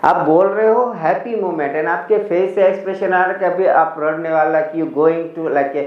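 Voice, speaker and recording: A man's voice: on the high side, fairly even intonation. Man coaching, echoey far-off room. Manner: switches between Hindi and English, demonstrating model answers slowly. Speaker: IELTS coach. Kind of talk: teaching in Hindi mixed with English. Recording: echoey room, mic at a distance, dull lo-fi sound.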